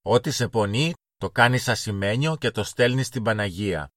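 A man's voice: on the low side, fairly bright tone, dry recording, studio quality, close to an everyday voice. A man voicing a strict, bossy older girl in a children's storybook reading, scolding her younger siblings. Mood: earnest. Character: bossy older girl, stern big sister.

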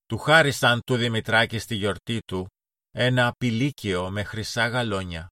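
A man narrating a children's story in a calm, even reading voice. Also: on the low side, no room sound, clean studio sound.

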